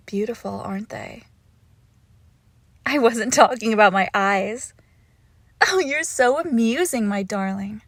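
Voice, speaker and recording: In an intimate ASMR roleplay, a woman plays a lovesick, possessive witch who coaxes and teases her captive, drifting between soft speech and slow whispers. Her medium-pitched voice has vocal fry, there's no room sound, and the mood is coy and teasing.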